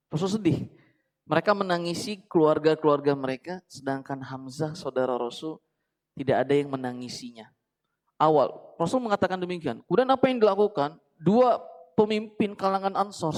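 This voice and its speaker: A man's voice: on the high side, rough recording. Chatty man teaching a religious book. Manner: chatty, poses questions to listeners and corrects himself aloud. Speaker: Islamic teacher. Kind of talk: casual religious book study.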